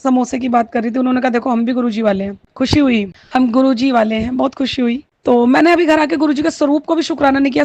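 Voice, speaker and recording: A woman's voice: sits high, a little mellow, no echo. A woman, sharing a heartfelt, tearful devotional testimony. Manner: tearful, heartfelt, mixes Hindi with Punjabi and English words.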